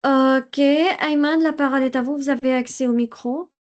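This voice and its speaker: High-voiced woman moderating a class. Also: fairly even intonation, normal speed, muffled recording. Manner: hesitant, rephrasing her questions.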